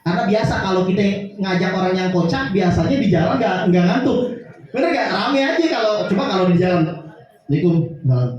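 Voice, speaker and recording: A man tells a lively, jokey story in a sermon and switches voices for the people in it. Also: sits high. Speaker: preacher. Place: large hall at a religious gathering. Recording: echoey hall, distant mic, dull sound, faint music.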